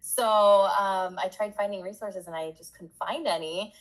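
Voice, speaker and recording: Speaking a little slowly in a steady, mid-range voice, a bilingual Spanish-English woman explains things emphatically and chattily while being interviewed. Born in the US, she grew up in Puerto Rico, and the recording is rough.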